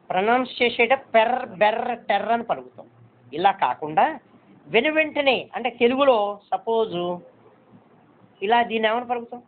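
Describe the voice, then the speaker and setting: A man's voice: high-pitched, a little hiss or hum. Man teaching, tinny phone-like sound. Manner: patient, repeats points and checks understanding. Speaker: shorthand teacher. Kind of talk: step-by-step classroom instruction.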